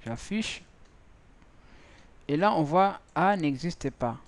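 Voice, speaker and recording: A programming teacher records his screen for a coding tutorial, speaking slowly and haltingly in a fairly high, expressive male voice. He repeats words and thinks out loud as he types.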